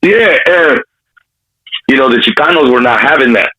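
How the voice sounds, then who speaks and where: A man from Compton, California, a rapper, tells stories energetically in a casual interview, using urban LA speech, slang, and frequent profanity. His mid-range voice has lively intonation, a moderate pace, and a pushed, bright quality, though the recording is low-quality.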